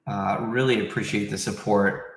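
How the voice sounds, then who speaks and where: A man's voice: fairly low pitch, steady tone, normal speed. Man chatting in a very echoey room. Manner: rambling, conversational. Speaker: livestream host. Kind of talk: casual chat answering viewer questions.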